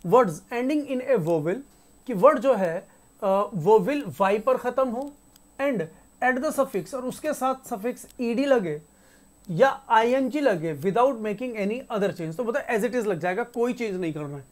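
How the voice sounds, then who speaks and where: A woman teaching spelling rules in a casual classroom style. She reads each rule out slowly and repeats the example words. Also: on the high side, lively intonation, darkish tone. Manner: casual, conversational teaching with frequent checks like "theek hai". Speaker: English teacher.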